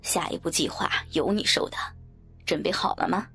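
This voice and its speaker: A woman's voice: sits low, expressive, normal speed, gravelly, a bit bright, slightly rough, soft background music, pitched below the performer's own voice, exaggerated voice. A woman voicing a smug, scheming young male swordsman who sneers and teases. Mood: mocking. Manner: sneering, teasing.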